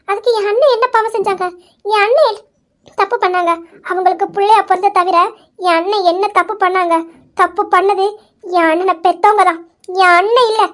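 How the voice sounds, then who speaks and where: Woman voicing a young heroine, fiery, indignant, very high voice, amateur audio drama. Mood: reproachful. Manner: indignant, demanding, repeats questions. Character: fiery young woman defending her brother.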